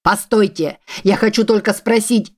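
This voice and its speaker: A woman's voice: mid-range voice, moderate pace, pitched above the performer's own voice, natural voice. A woman voicing a desperate, bearded former soldier who talks in an urgent, pleading, breathless way.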